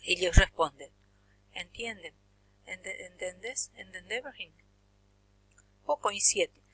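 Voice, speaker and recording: A woman's voice: medium pitch, slow, sharp tone, husky. A woman from Paraguay, teaching a language class and patiently explaining grammar step by step while checking that the students understand. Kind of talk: Guarani grammar lesson.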